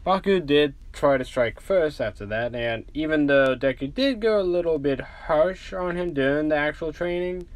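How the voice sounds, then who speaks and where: A man's voice: fairly high pitch, normal speed, few pauses, dry recording. A young man with a sore throat, telling a fan story in a rambling, casual way full of "like", recorded on a home mic. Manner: rambling, filler-heavy with frequent "like".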